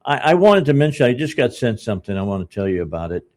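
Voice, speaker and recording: A man in his seventies hosting a talk radio show from a studio, speaking in a rambling, halting way with lots of "uh"s and restarts. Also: mid-range voice, big pitch swings, a little mellow. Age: 70s. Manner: rambling, halting, many uh's and restarts, chuckles often. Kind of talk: casual radio chat.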